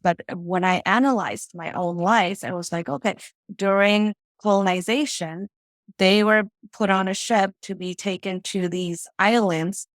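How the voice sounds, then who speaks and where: A woman who grew up in Fiji, talking as a guest in a relaxed interview. She tells her story reflectively, often pausing to ask "right?" or add "you know". Her voice sits at an ordinary middle pitch and sounds close and dry, with no room echo. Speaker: guest, financial strategist. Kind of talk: casual interview conversation.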